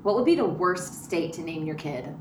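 A woman in her thirties co-hosting a podcast, joking and wisecracking in an animated way. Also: deep voice, moderate pace. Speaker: podcast co-host. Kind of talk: casual chat. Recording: echoey room, mic at a distance, clear background noise.

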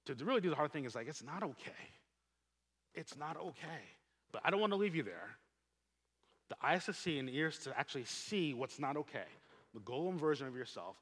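A man preaching a sermon as pastor, earnest and emphatic, swelling on key points and dropping soft at the ends of phrases. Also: medium pitch, expressive, fast. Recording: long hall reverb.

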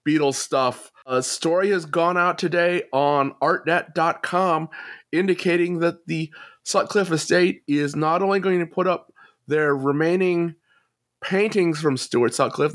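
Man, podcast host, casual chat, measured storytelling, fairly high pitch. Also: steady tone.

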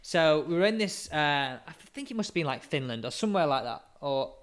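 An English man co-hosting a podcast, telling stories in a casual, animated way and acting out what people said. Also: on the high side, fairly quick. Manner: animated storyteller, laughs and acts out quotes. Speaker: podcast co-host. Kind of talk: casual chat, storytelling.

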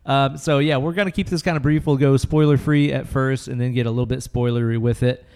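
A man hosting a podcast at a middling pitch. He banters casually, swearing freely and joking in a playfully showy way. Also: steady tone, brisk, darkish tone, smooth. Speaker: podcast host.

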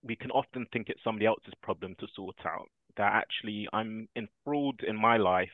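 Man, podcast guest, earnest reflective storyteller, deeper voice, thin phone-like audio. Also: a little fast, no echo. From South London. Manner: earnest, thoughtful, laughs while telling stories. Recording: dry, tinny phone-like line.

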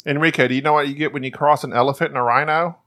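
A man hosting a podcast in casual comedic banter, with a slightly whiny voice and a mock-calm, restrained way of talking. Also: a little high, very fast. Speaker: podcast host.

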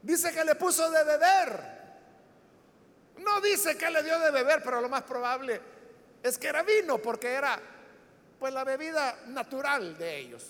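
A man preaching a sermon, telling the story dramatically, acting out the characters and bursting into shouts. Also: very high-pitched, moderate pace, long pauses. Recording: long hall reverb.

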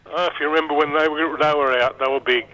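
Casting: Australian male radio caller, bright forceful voice, slightly high, halting colloquial storyteller. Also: fairly even intonation, poor audio. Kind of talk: casual anecdote.

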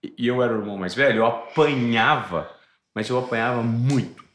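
A man hosting a podcast, telling a personal story with animated emphasis. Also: mid-range voice, a little fast. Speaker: podcast host. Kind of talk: podcast conversation. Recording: roomy echo.

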